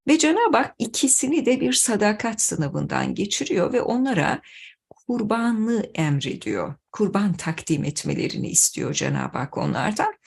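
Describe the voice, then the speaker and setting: A woman, middle-aged, giving a measured, earnest religious talk to her followers as their teacher. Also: mid-range voice, big pitch swings, creaky, a little mellow, breathy edge.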